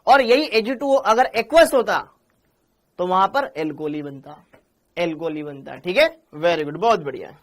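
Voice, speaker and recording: His voice sits high, with lively intonation and an unhurried delivery. In a live online chemistry lesson, this man talks chattily and repeats himself, calling students "beta," praising them by name, and restating their answers.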